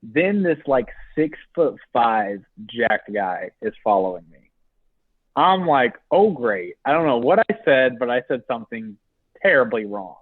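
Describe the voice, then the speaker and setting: A man's voice: medium pitch, unhurried, no room sound. A young man telling a work story on a casual podcast, acting out what people said. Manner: animated storyteller, acts out quotes. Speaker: podcast co-host. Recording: tinny phone-like dry sound.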